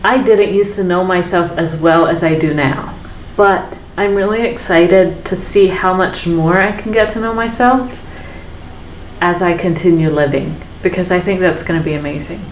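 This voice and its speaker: A woman with a lowish voice, speaking at normal speed, hosts a painting vlog and talks casually and reflectively while mixing paint in her studio. Her speech is full of fillers and little tag questions. She's recorded off-mic from a distance in an echoey room, with slight hiss or hum.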